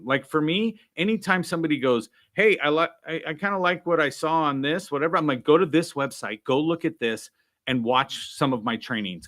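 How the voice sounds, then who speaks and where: A man guest in a casual interview, telling stories and acting out quoted dialogue, with many "right?" and "I'm like" asides. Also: medium pitch. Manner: animated, acts out quoted dialogue. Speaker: guest, sales trainer.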